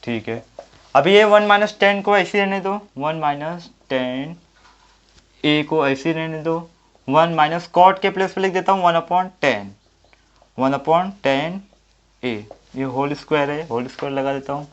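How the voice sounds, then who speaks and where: At the board, a man teaches a maths lesson, thinking aloud and answering his own questions step by step. His voice is a little high and slow-paced, and the audio is dull and lo-fi.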